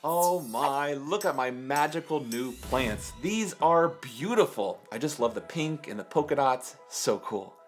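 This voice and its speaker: Excitable kids' party magician man, swooping pitch. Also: unhurried, hardly any pauses, soft background music. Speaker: host of a children's science show. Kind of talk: children's science show presenting. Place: kitchen indoors.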